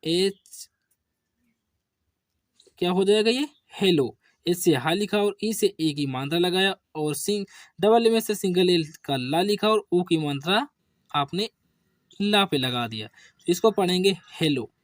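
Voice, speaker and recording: Male teacher for a kids' spelling lesson, slow and patient, quizzes and then drops low on each answer, dry close sound. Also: lively intonation, no echo. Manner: addresses viewers as children. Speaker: English teacher.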